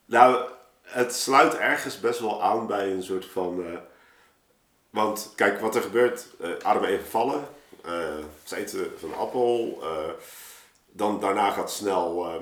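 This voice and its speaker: Speaking at an unhurried pace in a fairly low voice, a podcast guest who creates audio dramas spins informal stories, wandering and talking casually as he thinks out loud. The space around him is roomy and echoey.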